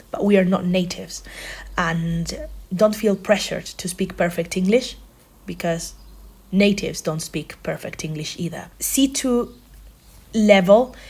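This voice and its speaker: With a lowish, slightly mellow voice, a young woman from southern Spain, a native Spanish speaker, leads a casual English lesson as a teacher, musing and wandering through it with plenty of fillers.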